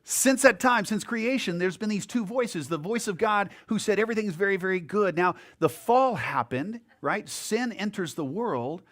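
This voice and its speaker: A man's voice: sits high, lively intonation, moderate pace, hardly any pauses, a bit bright. A male pastor preaching a conversational sermon in a church, with casual asides to the congregation. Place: church sanctuary. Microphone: handheld or headset mic.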